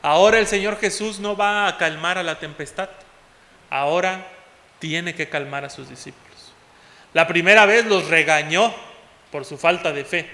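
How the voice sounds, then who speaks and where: A man preaching a sermon as pastor, often calling out to the congregation as "hermanos" and moving between loud and soft passages. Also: on the high side, moderate pace. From Mexico. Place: church hall. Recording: long hall reverb.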